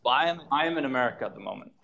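A man's voice: medium pitch, animated, rapid-fire, creaky, bright, forceful tone, a little hiss or hum. A young man from Sweden, a boxer trash-talking at a face-off, pushy and repeating himself as he presses his rival.

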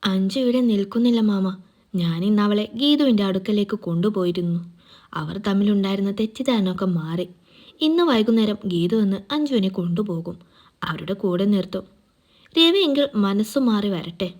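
Woman reading out a cold stern young husband, grave and measured, storybook voice. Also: mid-range voice, lively intonation, darkish tone, close to an everyday voice. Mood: calm.

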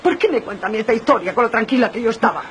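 A woman playing a soft-hearted motherly comforter. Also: fairly high pitch, expressive, rapid-fire, slight background noise, natural voice. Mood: mocking. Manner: soothing, motherly, then tearful. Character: kind-hearted, weepy woman comforting a stranger. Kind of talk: 1990s TV comedy acting.

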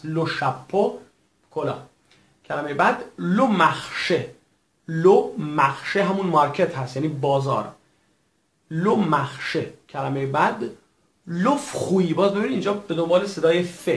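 A man teaching a recorded language lesson in a formal, patient way, repeating each word slowly for his learners. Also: on the high side, creaky, fairly bright tone. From Iran. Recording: echoey room.

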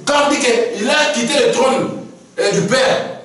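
A man's voice: very high voice, unhurried, fairly bright tone, very echoey. A man preaching a sermon, acting out dialogues in shifting voices, heard from a distance in a room with faint background noise.

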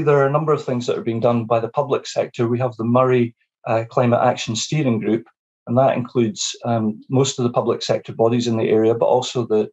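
A man giving a steady, informative panel presentation over a video call, sometimes repeating words as he goes. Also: mid-range voice, breathy edge. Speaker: regional development area manager. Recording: muffled lo-fi video call audio.

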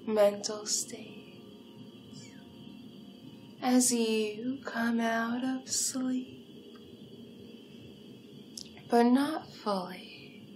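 In an in-character ASMR hypnosis roleplay, a female performer voices a seductive, hungry vampire villainess who is hypnotic and poised. She speaks very slowly, breathily and deliberately, often sinking into whispers, with a voice on the high side.

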